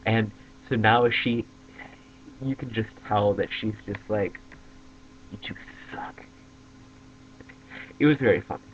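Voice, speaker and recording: A young man casually telling a funny story to his camera as a vlogger, lively and given to squealing when excited. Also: on the low side, normal speed. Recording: dull lo-fi webcam audio.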